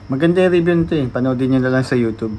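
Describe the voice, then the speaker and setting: A man's voice: mid-range voice, very fast, warm tone, slight background noise. A man chatting casually through an unboxing vlog, thinking aloud and testing his mic with repeated hellos. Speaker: vlogger. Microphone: studio mic through mixer.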